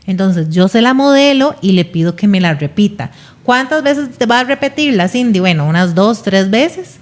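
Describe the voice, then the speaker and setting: A woman's voice: medium pitch, expressive, moderate pace. A woman speaking as a speech therapist guest on a podcast, explaining patiently and often checking in with "¿verdad?".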